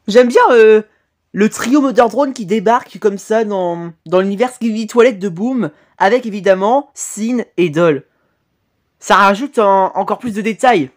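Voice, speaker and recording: A man reacting to videos in casual commentary, his voice set fairly high and swinging widely in pitch. He gets excited fast, swears freely and exclaims at what he sees, with plenty of hesitant fillers and self-corrections along the way. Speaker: YouTube reaction host.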